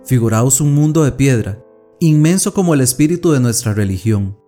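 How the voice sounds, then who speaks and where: A man narrating a classic tale as a scripted audiobook, reading in a measured, solemn way. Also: mid-range voice, lively intonation, mellow, soft background music.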